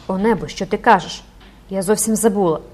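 A woman's voice: mid-range voice, fairly quick, a little mellow, natural voice. A woman voicing an older mother, torn between tearful joy and terror, who cries out prayers to God. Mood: frantic. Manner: emotional, exclaiming prayers. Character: older grieving mother, frantic and overjoyed.

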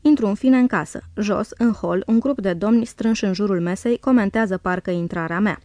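A woman narrating a diary in a calm, measured reading voice. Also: medium pitch, no room sound, studio quality. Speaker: audiobook reader.

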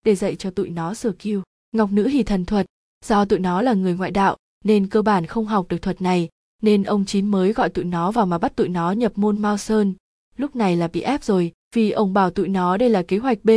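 Woman storyteller, casual slangy horror narration, warm dark tone, dry close sound. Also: mid-range voice, no echo. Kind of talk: reading a first-person horror story aloud.

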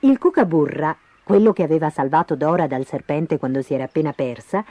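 A woman reading a fairy tale aloud in a lively, expressive storytelling manner. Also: low voice, a little fast, no echo. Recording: dull lo-fi with faint music.

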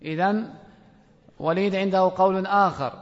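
A man with a high voice teaches a grammar class and keeps calling on students by name to answer. The recording is dull and lo-fi, with a long echo from a hall. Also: fairly even intonation, moderate pace. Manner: questions and calls on students by name.

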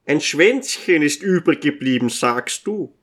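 A man's voice: a little high, animated, a little slow, a bit bright, pitched above the performer's own voice. A man voicing a sly town doctor who teases and mocks. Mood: teasing. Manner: teasing, mocking. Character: mocking male town doctor, sly and teasing.

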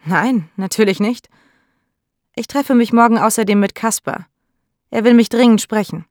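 A woman's voice: normal speed, darkish tone, no room sound, lightly acted. Evasive male art dealer, voiced by a woman narrator; dry audiobook read. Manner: evasive, then eager pitching ideas.

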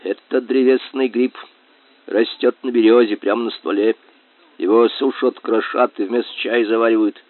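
A man's voice: mid-range voice, steady tone, moderate pace, no room sound, close to an everyday voice. A man voicing a knowing male shrew court healer-cook, explaining matter-of-factly, on a tinny, dry recording. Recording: tinny dry phone-like sound.

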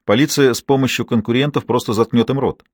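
Brief: measured male narrator, medium pitch, dry studio audiobook. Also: dry recording. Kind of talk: scripted narration.

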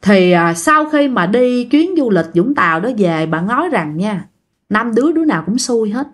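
A woman's voice: fairly high pitch, sing-song, normal speed. A woman telling a ghost story in a chatty, casual way, often addressing her listeners.

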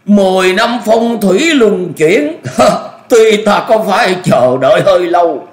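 A man voicing a bitter old male martial master who rages and gloats in a shrill, cackling voice. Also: huge pitch swings, takes it slowly. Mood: gloating. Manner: raging, gloating laughter. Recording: echoey room.

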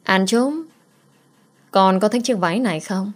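A woman voicing a grieving young mother who gently coaxes her daughter. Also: mid-range voice, a little slow, natural voice. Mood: coaxing.

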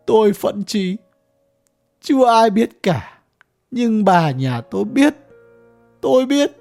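A bitter old man from a village, once an official, rants and swears as he grieves, as an audiobook reader voices him. His speech swings widely in pitch and drags slowly. Faint music plays underneath. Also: big pitch swings, creaky, a little mellow, exaggerated voice. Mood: furious. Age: older. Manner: ranting, grieving, coarse cursing. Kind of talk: audiobook character voice.

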